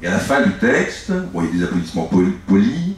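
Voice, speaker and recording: A man's voice: deep voice, big pitch swings, recorded from a distance. A middle-aged man, an author and native French speaker, giving long rambling answers full of restarts at a live book talk. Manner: rambling, halting, many restarts. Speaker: author guest. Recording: echoey room, from afar, faint ambience.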